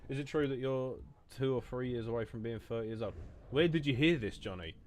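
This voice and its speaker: There's slight background noise as a man with a southern English accent, in his late twenties, talks a little fast at medium pitch. He's livestreaming a game, rambling casually and trading sarcastic, swearing banter.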